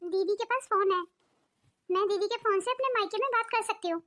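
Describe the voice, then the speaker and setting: A woman's voice: extremely high pitch, fairly quick, fairly bright tone. A woman voicing a homesick young daughter-in-law in a cartoon, pleading and complaining. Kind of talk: cartoon voice acting.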